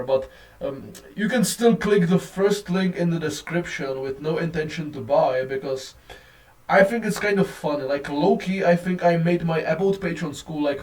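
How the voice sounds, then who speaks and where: A man's fairly high voice rants on in a casual, profane, rambling way. It sounds like a low-quality phone recording, with the speaker set some way off from the mic. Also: a little mellow, far from the mic. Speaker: vlogger. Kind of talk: casual rant to camera.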